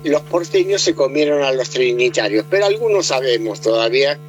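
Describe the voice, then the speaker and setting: A man's voice: mid-range voice, expressive, brisk, lo-fi sound, slight background noise. A man, explaining politics conversationally, with many hesitations and restarts. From Argentina. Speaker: political commentator.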